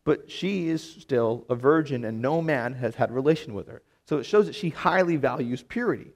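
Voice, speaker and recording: A man's voice: mid-range voice, lively intonation, moderate pace. A man teaching a Bible lesson in a casual, conversational way, full of fillers and restarts.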